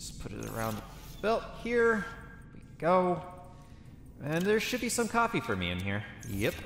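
Thinking aloud to himself, a man roleplays a character while gaming. He sounds very animated, with a voice on the high side, a bit bright and at normal speed. Faint music plays in the echoey, reverberant room.

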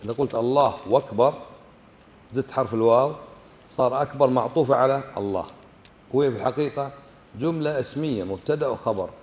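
A man's voice: medium pitch, fast, a little mellow, long reverb tail. A man with a Kuwaiti Arabic accent teaching a religious lesson, often questioning the class and demonstrating how words are pronounced. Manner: asks the class frequent questions and demonstrates pronunciations. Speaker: sheikh teaching fiqh. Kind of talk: religious lesson explaining a book.

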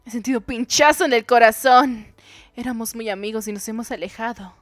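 A woman's voice: a little high, brisk, dry recording, clean studio sound, soft background music. A young woman, streaming a dating game, reading its dialogue aloud and joking with her chat. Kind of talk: live game commentary.

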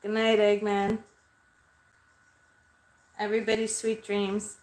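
A thirty-something spiritual medium talks to her livestream audience through a webcam at desk distance, rambling and swearing as she goes. Her mid-range voice is monotone, slow and a little mellow. The small, red-lit bedroom sounds echoey, and the recording is low quality.

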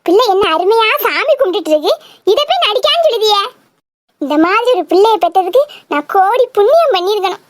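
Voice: very high-pitched, expressive, quick pace, dry recording. A voice actor playing a dramatic mother who scolds her daughters and dotes on her son in a cartoon comedy. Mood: doting. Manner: scolding, exasperated nagging. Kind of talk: Tamil cartoon comedy voice acting.

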